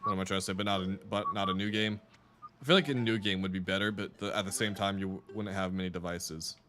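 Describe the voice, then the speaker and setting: A man's voice: low voice, fairly even intonation, fast, music in the background. A young man chatting casually while streaming a video game, rambling with restarts and laughs. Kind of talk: casual live-stream chat while gaming.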